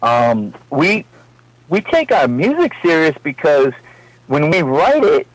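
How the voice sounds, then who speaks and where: A man's voice: a little high, sing-song, takes it slowly, dry recording, low-quality recording. A man with a Massachusetts accent, a heavy metal singer talking as a guest in a casual radio interview, rambling and laughing between phrases.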